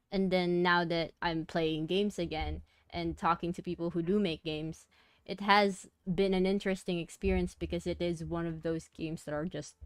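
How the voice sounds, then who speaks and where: A young woman streams and chats casually with her viewers. She talks softly and rambles, working her thoughts out aloud as she goes. Her voice sits a little low for a woman and sounds smooth and clear, with a close, dry sound. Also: no echo. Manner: rambling, soft-spoken, talks herself through thoughts. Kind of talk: casual chat.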